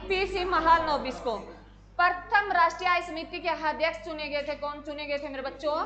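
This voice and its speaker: A woman's voice: very high-pitched, sharp tone. A woman teacher giving an exam-prep lecture, asking questions and answering them herself, often calling her students "my children".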